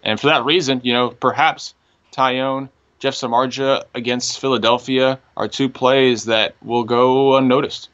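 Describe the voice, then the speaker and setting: A man co-hosting a casual fantasy baseball podcast, talking through picks in a relaxed way, thinking aloud with fillers. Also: mid-range voice, normal speed, clear, resonant tone. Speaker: fantasy baseball analyst co-host. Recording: dull lo-fi audio.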